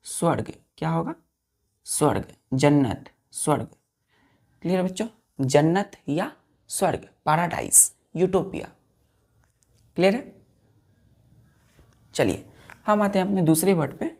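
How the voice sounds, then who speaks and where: Low, slow, gravelly woman teaching vocabulary. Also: darkish tone. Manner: spells words letter by letter and quizzes the children. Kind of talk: slow repetitive classroom teaching.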